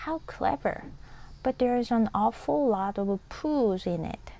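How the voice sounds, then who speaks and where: A woman's voice: on the high side, expressive, extremely slow, warm tone, heavily acted. A Korean-native woman reading a storybook aloud, voicing an eager, anxious elderly woman in a slightly raised voice. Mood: curious.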